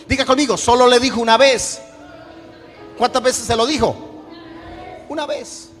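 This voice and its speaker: High-voiced Colombian pastor preaching. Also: male voice, unhurried. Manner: preaching with call-and-response, shouted peaks. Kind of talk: sermon. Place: church hall. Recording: echoey church hall with music.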